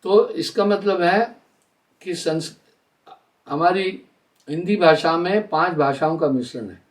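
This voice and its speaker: An older man giving a live spiritual discourse in a deliberate, explanatory way, slowing down to spell out sounds. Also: sits high, far from the mic. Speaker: spiritual teacher.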